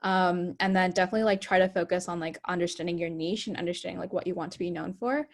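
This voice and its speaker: A young woman in her twenties talks on an online panel, slightly low for a woman. She strings her thoughts together with constant "like"s and occasional stumbles, in a relaxed, unscripted way. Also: fast talker. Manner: fills speech with "like", some stumbling. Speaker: product manager panelist.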